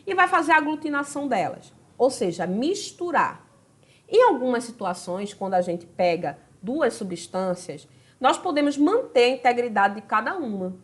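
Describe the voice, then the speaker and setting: A woman with a Brazilian Portuguese accent teaching a video grammar lesson. Her fairly high voice swoops up and down with a lot of life, and she keeps talking straight to her students and checking that they follow. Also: big pitch swings, normal speed. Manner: chatty, addresses students directly with tag questions.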